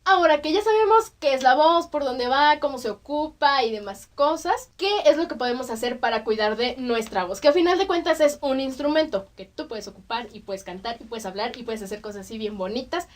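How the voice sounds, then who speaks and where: A woman with a Mexican accent giving an acting lesson on the voice. She speaks expressively and counts off her points with clear diction. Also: high voice, animated, brisk, hardly any pauses, faint music behind. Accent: Mexican Spanish. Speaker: acting voice instructor. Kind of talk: explanatory lesson to camera.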